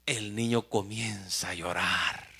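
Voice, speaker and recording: A male pastor preaching a sermon, swinging from loud exclamations to hushed near-whispers and speaking directly to the congregation. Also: fairly low pitch, fairly even intonation, takes it slowly, vocal fry, slightly rough.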